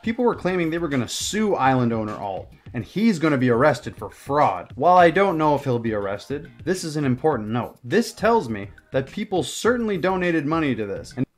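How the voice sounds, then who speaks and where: A man's voice: a little high, sing-song, fairly quick, hardly any pauses, soft background music. A man narrating a scripted video essay with dry, sarcastic commentary.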